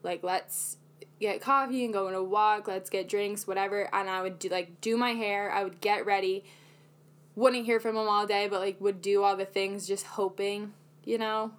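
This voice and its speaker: A woman's voice: mid-range voice, steady tone, moderate pace. A young woman co-hosting a podcast, telling a dating story in a chatty, self-mocking way with lots of fillers. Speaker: podcast co-host. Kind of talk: casual chat.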